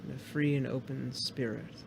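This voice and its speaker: A man playing a gentle, wise shopkeeper in a tabletop fantasy game, talking in a soft, measured, kindly way. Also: mid-range voice, steady tone, vocal fry, noisy background, natural voice. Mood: gentle, knowing. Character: gentle, wise, welcoming shopkeeper sharing forest lore.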